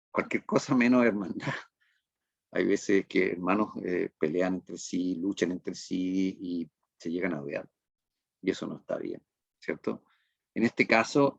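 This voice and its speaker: A man with a Chilean accent preaching a sermon, his low voice gravelly. He keeps asking rhetorical questions and acts out the people in his story. The recording sounds dull and dry. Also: dry recording. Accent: Chilean Spanish. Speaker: pastor.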